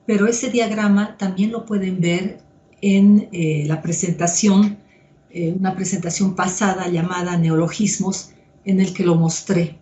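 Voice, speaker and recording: A woman psychoanalyst giving a measured, step-by-step lecture with occasional fillers. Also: lowish voice, steady tone, mellow. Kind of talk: slow didactic lecture. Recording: echoey room.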